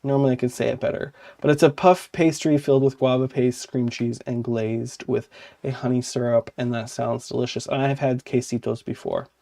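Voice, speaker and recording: A man's voice: mid-range voice, steady tone, a little fast, creaky, dark tone. A man co-hosting a podcast in a casual, chatty way. He rambles, fills his talk with "like" and often corrects himself mid-sentence. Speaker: podcast co-host.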